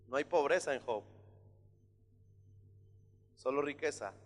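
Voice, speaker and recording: A man preaching a sermon as pastor, emphatic and at times shouting. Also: mid-range voice, slow pace, soft background music. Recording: long hall reverb.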